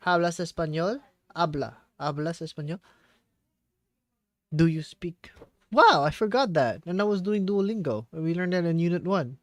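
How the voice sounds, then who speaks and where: Speaking at a normal speed with no room sound, this slightly high, darkish-toned man records a vlog of his Spanish study. He's hesitant and self-mocking, casually thinking aloud and chuckling when he slips up.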